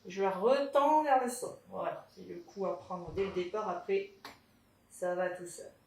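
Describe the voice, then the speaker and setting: A woman leads a pilates class at home, chatty and encouraging as she guides the moves and often ends lines with "hein." Her unhurried, mid-range voice has a darkish tone. Filmed by a camera in front of her, she sounds far from the mic in an echoey room.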